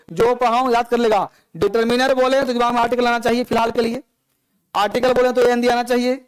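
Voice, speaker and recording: Man running a grammar class, keeps repeating stuff and quizzing kids, really high voice. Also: dry recording, poor audio. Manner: repetitive, coaxing, asks students questions. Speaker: English grammar teacher. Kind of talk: classroom lecture.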